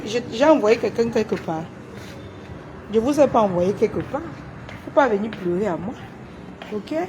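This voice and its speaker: Taunting high-voiced woman livestreaming. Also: noisy background. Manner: taunting, repeats rhetorical questions. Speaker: social media livestreamer. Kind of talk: casual livestream talk.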